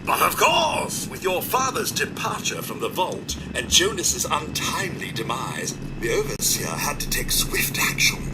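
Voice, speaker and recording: Smooth synthetic robot doc, pompous and chirpy, pitch jumping all over the place. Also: male voice, noisy background, full character voice. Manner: chirpy, self-satisfied, exaggerated rises and drops. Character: pompous male robot doctor, cheerfully ghoulish. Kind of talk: video game character dialogue.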